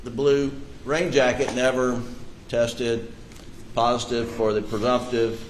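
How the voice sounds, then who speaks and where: A man's voice: mid-range voice, flat delivery, slow pace. A man acting as defense attorney, pressing a witness with pointed leading questions, heard in a courtroom recording. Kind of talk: courtroom cross-examination. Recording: echoey courtroom feed, faint hiss.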